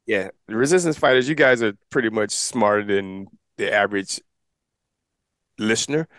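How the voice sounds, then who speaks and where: A man hosting a casual podcast, playful and quick to laugh, with announcer-style asides to listeners. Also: fairly low pitch, fairly bright tone, no echo. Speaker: podcast host. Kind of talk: casual chat.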